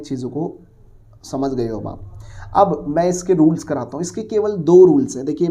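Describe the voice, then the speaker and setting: A man teaching an exam-prep grammar lesson in a mellow, slightly high voice. He explains patiently, asks the class questions and then answers them himself. He mixes English words and phrases into his talk.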